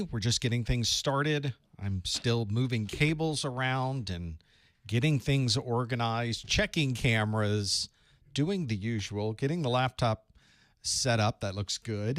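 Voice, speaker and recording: Chatty male stream host, casual, thinks out loud, dry close sound. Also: medium pitch, normal speed, no echo. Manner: chatty, greets viewers, thinks aloud while setting up. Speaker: instructor hosting a live study stream. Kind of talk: casual live-stream chat.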